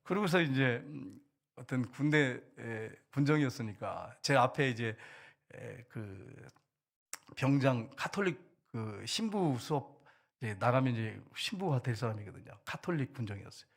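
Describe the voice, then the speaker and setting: An older man preaching in a church, recounting his own past with lively storytelling. He slips into short acted voices for the people in his story, then returns to his plain preaching tone. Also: medium pitch, moderate pace, vocal fry. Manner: animated storytelling, acting out quoted soldiers. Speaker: pastor. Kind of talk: sermon testimony.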